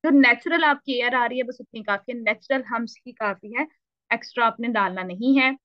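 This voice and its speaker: A woman with a Pakistani Urdu accent teaches a recitation lesson in a fairly high voice, patiently repeating and sounding out each letter. The recording is dry and a little dull. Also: fairly quick, dry recording. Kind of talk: online lesson explaining tajweed.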